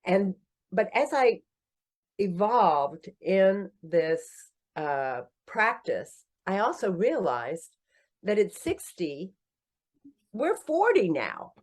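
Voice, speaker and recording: A woman in her sixties who founded a company and writes books recounts her story on a laid-back podcast. She's lively and pokes fun at herself, laughing a lot, her pitch leaping up when she jokes. She tends to stretch her words out.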